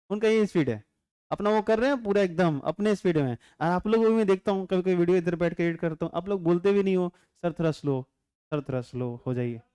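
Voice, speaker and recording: A man teaching physics in a calm, unhurried way, chatting and joking with students and often checking whether they follow. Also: high voice, clean tone, no echo, studio quality. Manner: chatty, joking asides, constant rhetorical check-ins. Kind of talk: classroom lecture.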